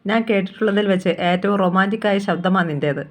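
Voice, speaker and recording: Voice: mid-range voice, fast talker, close to an everyday voice. A storyteller voicing a teasing, caring young woman friend in a novel reading, with playful, coaxing questions.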